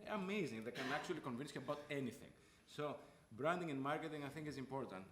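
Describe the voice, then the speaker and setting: A man's voice: on the high side, lively intonation, fast talker, roomy sound, noisy background. A man from Greece speaking as a panelist, earnest and repeating points for emphasis. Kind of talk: panel discussion.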